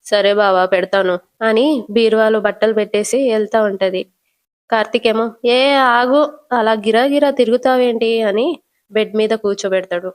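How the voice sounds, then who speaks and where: A woman's voice: medium pitch, fairly even intonation, normal speed, darkish tone. A woman vlogger retelling a TV serial episode in a conversational, storytelling way.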